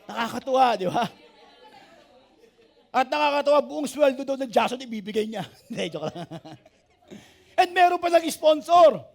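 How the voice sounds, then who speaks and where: A man, a pastor preaching an animated sermon, asking the congregation for amens and joking with them. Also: extremely high pitch, normal speed, vocal fry, long pauses, some chatter behind. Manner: animated preaching, asks the church for amens and jokes with it.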